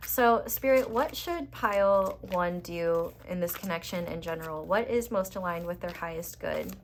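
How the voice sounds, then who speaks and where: A woman's voice: fairly low pitch, moderate pace, slight background noise. A young woman chatting casually through a tarot reading, filling her talk with "like" and "I feel like". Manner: chatty, many "like" and "I feel like" fillers. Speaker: tarot reader.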